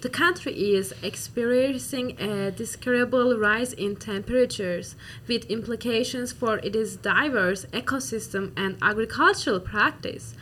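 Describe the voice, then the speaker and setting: Bright-voiced Turkish-accented woman. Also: a little high, a little slow, few pauses, a little hiss or hum. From Turkey. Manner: formal, recited delivery. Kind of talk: student discussion role-play, reading prepared remarks.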